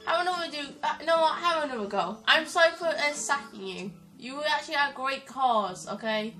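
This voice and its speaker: A woman giving chatty let's-play commentary, excitably talking to the game's characters as she plays. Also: high voice, normal speed, distant mic, faint music behind. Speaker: gaming YouTuber.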